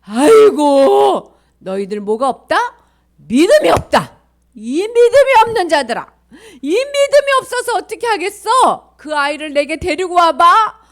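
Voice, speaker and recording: Lady putting on jesus, stern and loud, slow rebuking lines, swoopy pitch. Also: big pitch swings, heavily acted. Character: stern commanding male Jesus figure.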